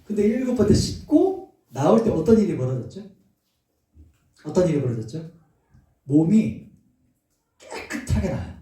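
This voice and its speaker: A male pastor preaches with a lively, rising-and-falling voice and a warm, dark tone. He tells the story animatedly and keeps asking the congregation questions. He sounds far from the mic in a very echoey church. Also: high-pitched, normal speed, long pauses. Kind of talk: sermon.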